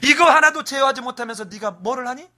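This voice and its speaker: God, stern and sarcastic, high bright voice, put on by a male preacher. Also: fast talker, heavily acted. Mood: challenging. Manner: scolding, rhetorical quizzing.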